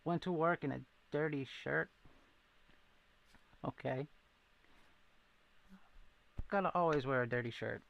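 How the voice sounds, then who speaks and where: Answering chat on a casual stream, a man with a thin Boston accent from near Rhode Island in New England rambles and makes fun of himself. His voice is on the high side, creaky and fairly bright, at a measured pace with long pauses. The audio is dull.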